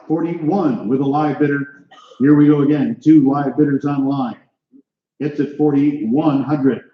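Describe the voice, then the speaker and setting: An American man working as an auctioneer, calling a live auction with clipped, climbing numbers and repeated calls to bidders. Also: mid-range voice. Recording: echoey room, slightly dull sound.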